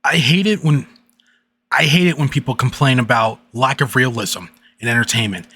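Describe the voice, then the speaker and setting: A man streaming late at night, chatting haltingly with many fillers and then reading a creepy internet story aloud. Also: medium pitch, sharp tone, breathy edge. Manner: halting, filler-heavy chat between readings.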